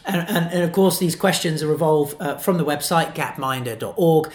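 A man with a croaky, froggy voice from too much talking hosts a casual podcast in a teasing, jokey way. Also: on the high side, moderate pace, echoey room. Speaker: podcast host. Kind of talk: casual unscripted podcast chat.

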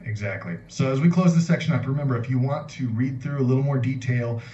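A man co-hosting a casual podcast, explaining steadily and slowing down to teach phrases. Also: mid-range voice, dark tone, recorded from a distance. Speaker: podcast co-host. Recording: dull roomy sound from off mic.

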